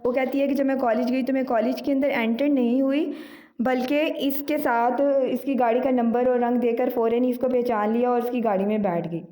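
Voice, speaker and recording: A woman narrating a moral story in an unhurried way, with frequent fillers and lessons for girls. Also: on the high side, fairly even intonation, mellow, roomy sound.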